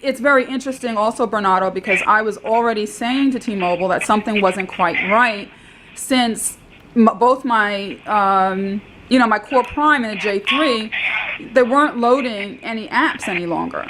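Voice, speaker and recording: A woman's voice: medium pitch, normal speed, background noise. A woman calling tech support, talking in a rambling, insistent way and repeating herself. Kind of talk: phone call recorded by caller.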